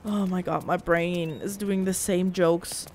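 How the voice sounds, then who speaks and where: A woman's voice: fairly low pitch, steady tone, unhurried, a little mellow. A woman giving casual, teasing commentary while playing a role-playing game, grumbling and swearing at her party. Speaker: gameplay video host. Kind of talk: casual let's-play commentary. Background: game music.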